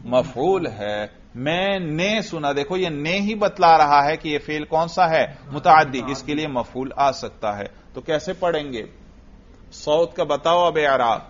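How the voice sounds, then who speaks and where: A man's voice: on the high side, lively intonation. Patient man drilling grammar, lo-fi. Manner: coaxing, repeats answers back, quizzes the student. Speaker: Arabic grammar teacher. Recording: lo-fi recording.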